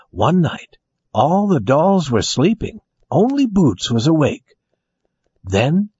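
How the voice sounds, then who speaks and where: A man reading a children's storybook aloud, with a husky edge to his voice and a lively, rising and falling tone. His voice sits a little high for a man. The recording is dry and dull, with a lo-fi sound. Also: no room sound. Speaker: narrator.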